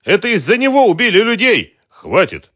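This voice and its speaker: A man reading an audiobook voices a furious, grief-stricken woman who screams and sobs in a shrill, raised voice. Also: very animated, normal speed, slightly rough, no echo, studio quality. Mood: furious screaming. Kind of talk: audiobook character voice.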